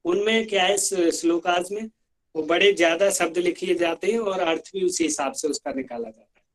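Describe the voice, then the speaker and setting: A male yoga teacher in an online class, chanting Sanskrit sutras line by line with careful, drawn-out pronunciation for students to repeat, heard over a video call. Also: high voice.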